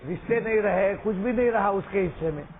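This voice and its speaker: A man tells a recovery story in an earnest, unhurried way over a phone call, often checking that the listener is following. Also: sits high. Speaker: recovery sponsor sharing. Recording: tinny phone line with faint hiss.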